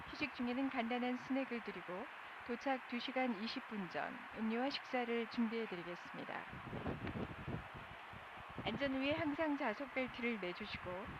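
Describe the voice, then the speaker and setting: Through heavy noise and a dulled cabin PA comes a Korean woman's fairly high voice. She is a cabin manager reading formal, courteous announcements to passengers from a script. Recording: muffled cabin PA, loud ambient noise. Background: aircraft cabin noise.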